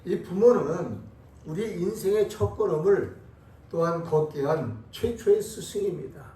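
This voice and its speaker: A man in his eighties, a pastor, giving a sermon at an unhurried, conversational pace with pauses and fillers, recorded in a church sanctuary from a distant microphone. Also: sits high, warm tone. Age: 80s. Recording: echoey hall from far off.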